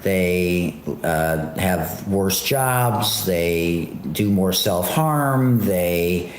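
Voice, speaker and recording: A man's voice: sits low, lively intonation, extremely slow, a little hiss or hum. Man in an echoey room, rambling casually. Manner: laid-back, rambling, with frequent fillers. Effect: echoey room reverb on the voice. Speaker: podcast host and online shop seller. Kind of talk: casual livestream chat. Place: home art studio and kitchen area, not his studio. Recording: echoey room with faint background ambience.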